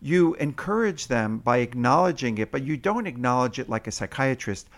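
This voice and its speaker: A man's voice: mid-range voice, expressive, fairly quick, fairly bright tone. A man in an interview explaining parenting techniques, now and then acting out sing-song parent voices. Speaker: parenting expert guest.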